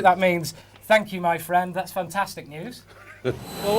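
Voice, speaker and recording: A man's voice: sits high, noisy background. A man presenting and reporting on sport for television, with a polished, upbeat broadcast delivery and light banter.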